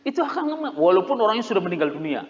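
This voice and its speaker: A middle-aged man preaching a mosque sermon, animated and storytelling, sometimes laughing and mimicking shouts. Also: high-pitched, very fast. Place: mosque hall. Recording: muffled reverberant hall recording.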